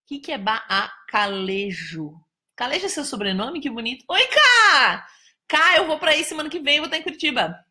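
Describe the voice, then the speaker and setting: Teasing, bright-voiced Brazilian woman host. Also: high voice, sing-song, fairly quick, roomy sound. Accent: Brazilian Portuguese. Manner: chatty, teasing, greets viewers by name. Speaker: live stream host. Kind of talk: casual live chat with viewers. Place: indoors, home in São Paulo.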